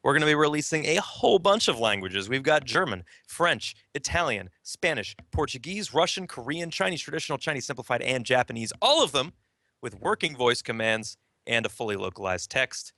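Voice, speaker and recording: A man talking as a game developer guest in a casual interview, animated and explaining. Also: medium pitch, brisk, no room sound, studio quality.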